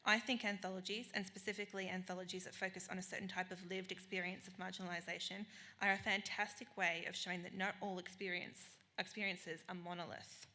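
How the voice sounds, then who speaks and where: Female panel moderator, low-ish, bright and fast-talking, enthusiastic. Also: little pitch movement. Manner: enthusiastic, jokey asides. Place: live panel event.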